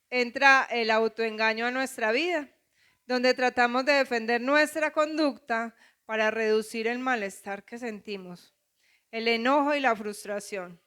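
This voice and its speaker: Animated high-voiced woman pastor preaching. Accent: Colombian. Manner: animated preaching with rhetorical questions. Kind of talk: sermon. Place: church.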